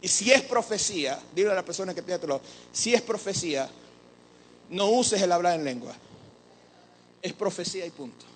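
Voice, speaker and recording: A man preaching a sermon as an apostle, animated and joking with the congregation. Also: high voice, moderate pace, long pauses, slight background noise, rough recording. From Venezuela. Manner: animated, joking with the congregation, mimics others' voices.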